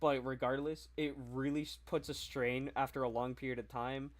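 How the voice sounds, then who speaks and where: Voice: medium pitch, fairly even intonation, normal speed. A young adult game streamer with a neutral voice, chatting casually with live stream viewers. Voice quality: neutral, versatile voice. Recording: noisy game stream with clicks.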